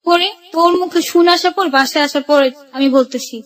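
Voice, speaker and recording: A young Bangladeshi woman with a high voice is a radio guest telling her own life story. She speaks fast in colloquial, run-on sentences, each part flowing straight into the next.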